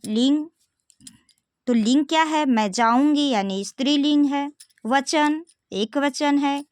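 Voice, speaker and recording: High, lively woman teaching grammar. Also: dry recording, studio quality. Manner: explains step by step, asks rhetorical questions to students. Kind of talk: classroom-style video lesson.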